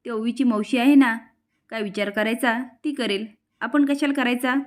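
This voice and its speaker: A woman voicing a scheming, sharp-tongued middle-aged aunt in a serial recap, asking sarcastic, needling questions. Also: fairly high pitch, fairly even intonation, moderate pace, close to an everyday voice.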